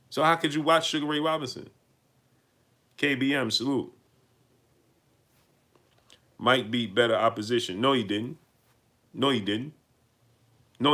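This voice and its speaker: Hosting a live stream, this New York-accented man greets his audience and reads out the super chats they send. His pitch is medium and his tone a little bright. He's emphatic, says things more than once, and climbs toward heated high points.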